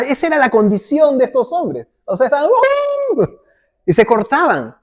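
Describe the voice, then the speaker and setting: A man's voice: sits high, a little mellow. A male pastor preaching a sermon in a conversational way, often checking in with the congregation and briefly acting out little quotes.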